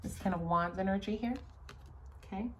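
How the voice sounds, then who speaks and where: A woman's voice: mid-range voice, normal speed, fairly bright tone, a little hiss or hum. A woman giving an earnest, reflective tarot reading and often checking in with her viewers. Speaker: tarot reader. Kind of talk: spiritual tarot reading monologue.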